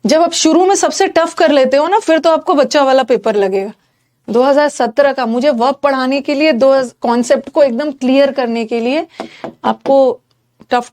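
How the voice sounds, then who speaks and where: A woman's voice: high voice, a little mellow. A woman giving an exam-prep grammar lecture, explaining in a mix of Hindi and English and putting questions straight to her students.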